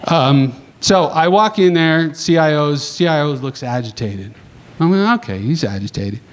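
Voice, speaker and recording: A man on a conference panel telling a long anecdote in a casual, animated way, acting out the dialogue and tossing in quick asides. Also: a little high, slight background noise. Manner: animated, acts out dialogue, chatty asides with "right?".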